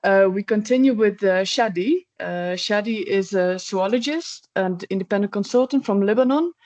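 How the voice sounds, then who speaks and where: A woman moderating a webinar, introducing speakers with halting fillers. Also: mid-range voice, a little mellow, dry recording. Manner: halting, with many "uh"s.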